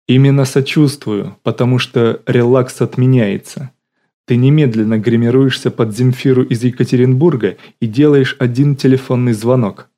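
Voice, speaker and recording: A man voicing a sly young con man who teases dryly and talks smoothly, in an audiobook. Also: mid-range voice, fairly even intonation, normal speed, mellow, natural voice. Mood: dry teasing. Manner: dry, teasing, smooth-talking.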